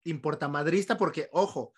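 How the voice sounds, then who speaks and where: A man with a Mexican accent hosts a casual podcast conversation. He talks in a relaxed, slangy way, often agreeing with his guest. His voice sits a little higher than most men's. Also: normal speed, slightly rough. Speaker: podcast host. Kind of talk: casual chat.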